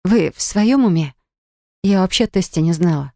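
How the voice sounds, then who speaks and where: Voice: mid-range voice, lively intonation, normal speed, mellow, no room sound, studio quality, close to an everyday voice. A narrator voicing a defiant young woman who owns a pastry shop and answers back indignantly. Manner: indignant, stubborn. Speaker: storybook character.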